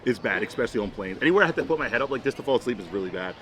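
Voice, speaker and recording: A man's voice: mid-range voice, animated, racing, fairly bright tone, a little hiss or hum. A man in his twenties in casual couples chat, rambling and emphatic, often repeating himself to press his point. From Florida, United States. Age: 20s. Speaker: boyfriend in couples Q&A vlog.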